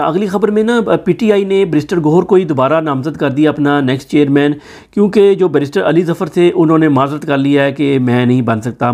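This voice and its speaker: A fairly high yet darkish voice belongs to a man hosting his own political news commentary in a Pakistani Urdu accent. He speaks with mocking sarcasm.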